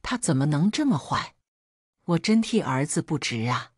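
A woman's voice: low-pitched, sing-song, moderate pace, breathy edge, no room sound, studio quality, exaggerated voice. A woman voicing a heartbroken older mother who laments through tears. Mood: grieving. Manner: lamenting, tearful.

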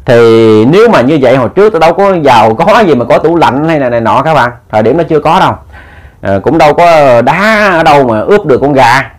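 A man's voice: medium pitch, lively intonation, fast talker. A man telling a ghost story in a chatty way, talking to his listeners with many fillers.

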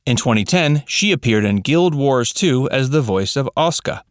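A man narrating a scripted voice-over, reading facts in an even, read-out way. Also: medium pitch, normal speed, clear, resonant tone, dry recording, studio quality.

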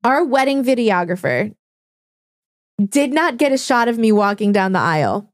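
A young woman co-hosting a podcast in casual chat, animated and chatty, filling with "like" and swearing casually. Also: a little high, moderate pace, no echo, studio quality. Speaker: podcast co-host.

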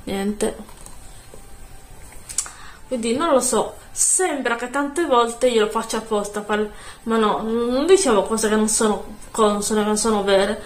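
Lady chatting into her phone at home, quiet voice, rambles and restarts, a bit high. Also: slow pace, long pauses, reverberant. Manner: rambling, soft-spoken, self-correcting. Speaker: beauty vlogger. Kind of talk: casual vlog chat. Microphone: phone camera.

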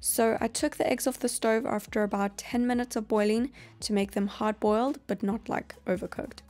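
A woman hosting a cooking channel, explaining each step of a meal prep in a calm voice-over. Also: on the high side, moderate pace. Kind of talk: instructional voice-over.

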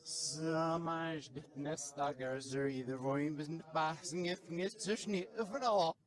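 A man's voice: on the high side, a little slow. A man giving a public talk on a handheld microphone, played backwards so the syllables come out reversed and garbled. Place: indoor presentation room.

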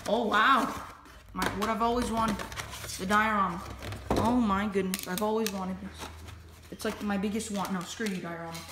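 A woman unboxing toy figures, chatty and excitable, often bursting into yells and squeals. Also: medium pitch. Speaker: toy collector vlogger. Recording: roomy echo, faint background noise.

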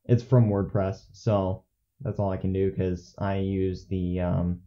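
A young man hosting a channel talks slowly in an unscripted casual vlog, with a deep voice and dull lo-fi audio. He rambles, corrects himself, and leans heavily on fillers. He mentions that he turns monotone when reading from a script.

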